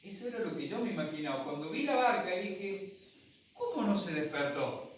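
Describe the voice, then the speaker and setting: With an Argentine Spanish accent, a male pastor preaches in a storytelling style, acting out voices for his congregation in a church hall. His high-pitched voice swings widely at a normal speed, captured by a distant mic in the echoey hall with slight hiss or hum.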